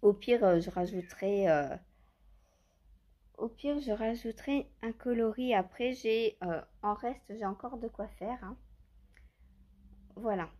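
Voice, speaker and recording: A woman's voice: on the high side, a little slow, pauses often, mellow. A woman chatting casually to viewers as she picks yarns at home, thinking aloud with hesitant fillers and questions, filming on a handheld phone. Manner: hesitant, musing, many fillers and self-questions. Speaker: knitting vlogger. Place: at home among her yarn stash.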